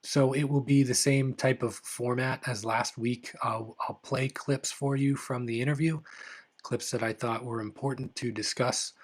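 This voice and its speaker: A young adult man hosting a solo podcast, speaking in an earnest, measured way with frequent restarts. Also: mid-range voice, breathy edge. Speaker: podcast host.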